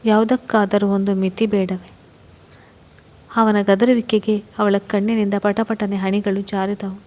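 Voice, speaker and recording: A woman storyteller reading a serial romance story in a measured, emotive way. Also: medium pitch, little pitch movement, darkish tone. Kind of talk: scripted narration of a serial story.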